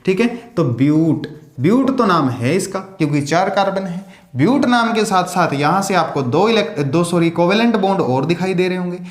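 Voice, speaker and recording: A man's voice: high-pitched, lively intonation, normal speed. A man teaching a science lesson, asking questions and answering them himself, counting aloud as he draws. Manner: counts aloud while drawing. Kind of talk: classroom lecture. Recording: echoey room.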